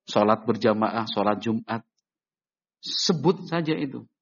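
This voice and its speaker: A man preaching an Islamic sermon in an animated way, acting out short dialogues in a raised voice. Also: measured pace, vocal fry, breathy edge. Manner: animated, acts out little dialogues with raised pitch. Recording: dull lo-fi recording.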